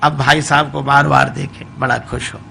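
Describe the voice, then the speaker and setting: A man's voice: mid-range voice, little pitch movement, moderate pace, vocal fry, sharp tone, slight background noise. A male spiritual preacher telling a parable in a storytelling sermon, chanting verses and acting out each character's lines. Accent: Hindi. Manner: acts out each character's lines in quoted speech.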